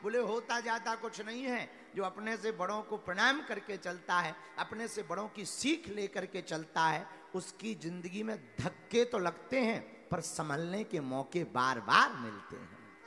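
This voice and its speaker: A man giving a devotional sermon in story form, animated, addressing the crowd directly and calling for responses. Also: high voice, a little slow. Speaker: religious storyteller. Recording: echoey hall with faint music.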